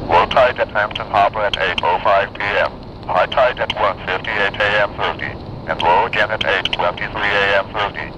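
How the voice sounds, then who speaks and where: A man's voice: fairly low pitch, moderate pace. A synthesized male announcer reading weather and marine forecasts, heard over a weather radio. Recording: noisy radio reception with hiss.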